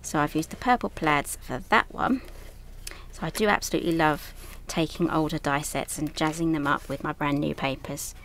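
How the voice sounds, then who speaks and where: A woman's voice: low-pitched, normal speed, fairly bright tone, a little hiss or hum. A woman from southern England, born in Yorkshire, casually showing off her new craft designs in a chatty, enthusiastic, rambling way. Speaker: craft designer presenting a product launch. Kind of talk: casual product showcase.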